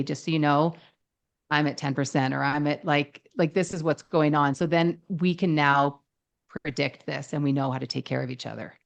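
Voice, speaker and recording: Low, gravelly-voiced woman. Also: dull audio. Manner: thoughtful, asks probing questions, affirming. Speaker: podcast co-host, relationship psychologist. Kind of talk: casual conversation.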